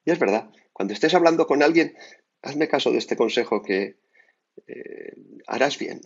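Male priest from Spain, conversational meditation, breathy rasp in the voice. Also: mid-range voice, moderate pace, highs cut off. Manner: conversational, frequent tag questions, lively asides. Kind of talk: spoken meditation.

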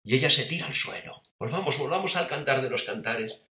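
A man preaching a sermon, retelling a scene tenderly and swinging between soft and emphatic delivery. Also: mid-range voice, animated, fairly quick, roomy sound.

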